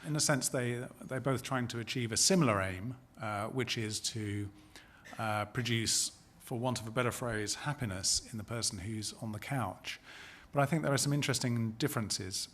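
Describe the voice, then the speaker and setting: Man, philosopher type, calm lecturing delivery, mid-pitched voice. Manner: measured, lecturing, builds arguments step by step. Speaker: philosopher being interviewed. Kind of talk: explanatory talk to camera.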